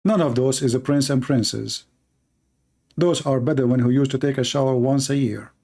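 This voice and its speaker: His voice is medium-pitched and darkish with a breathy edge, delivered at normal speed. An Arabic-speaking man, he hosts polemical religious debate commentary in English that is emphatic, repetitive and non-natively phrased.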